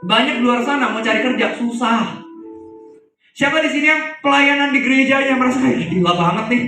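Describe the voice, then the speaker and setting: A man's voice: extremely high pitch, fairly quick, distant mic. A man preaching a sermon, telling stories and asking the congregation questions. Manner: lively, asks the congregation questions. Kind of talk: youth sermon with storytelling. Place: church hall. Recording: very echoey hall, mic from afar, music.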